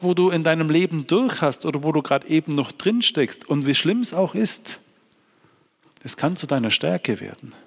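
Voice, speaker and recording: Earnest male preacher in a reverberant hall. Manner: earnest, swings between hushed low phrases and raised emphatic ones.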